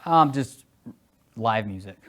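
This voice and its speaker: A man in his forties answers quick-fire interview questions in a casual, conversational way. He hesitates often and fills pauses, then warms up and grows animated. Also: on the low side. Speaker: guest, security executive.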